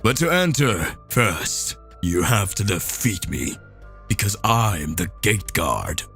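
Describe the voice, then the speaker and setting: A man doing a gloating villain who guards a gate, with a low voice that is mock-courteous and slow. He speaks in a lively, rising and falling way, with faint music underneath. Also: vocal fry, full character voice. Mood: smug.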